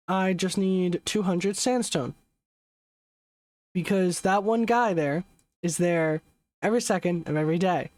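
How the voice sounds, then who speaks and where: A young adult gamer talks loosely during a live stream, rambling along, correcting themselves frequently, and swearing in passing. Their medium-pitched voice sounds a little mellow, with no echo.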